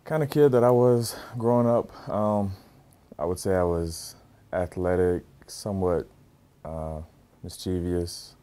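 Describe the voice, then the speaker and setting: A man's voice: deep voice, measured pace, dark tone, clear, resonant tone. A man in his thirties from Virginia, answering interview questions about his childhood in an easygoing, plainspoken way with a light joking touch. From Richmond, Virginia. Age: 30s. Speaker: interviewee, groom-to-be.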